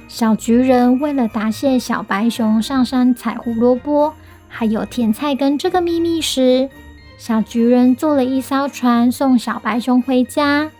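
High-pitched Taiwanese woman reading to a toddler. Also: unhurried, darkish tone, faint music behind. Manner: reading to a toddler, addressing little listeners directly. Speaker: children's story podcast host. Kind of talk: storytelling to young children.

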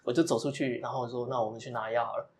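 A man's voice: medium pitch, steady tone, rapid-fire, darkish tone, a little hiss or hum. A man, a father and podcast co-host, telling long stories in casual chat and acting out the lines of the people in them. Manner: long storytelling with many quoted lines.

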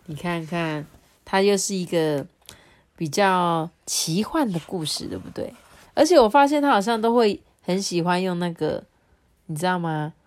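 Woman storyteller, lower-pitched, expressive read-aloud for children. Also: measured pace, long pauses.

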